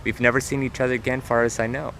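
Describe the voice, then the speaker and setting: A man's voice: medium pitch, flat delivery, fast talker, vocal fry, fairly bright tone, a little hiss or hum. A young man earnestly retelling a story while walking through an outdoor park, with many restarts and repetitions. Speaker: vlogger. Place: outdoor park near traffic.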